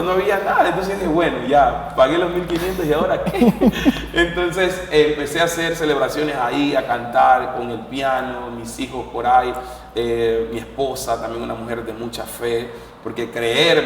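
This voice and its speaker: A man's voice: mid-range voice, roomy sound, big-room sound, far from the mic, a little hiss or hum. Pastor telling his story. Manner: animated storytelling, acting out quoted voices. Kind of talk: testimony in an interview.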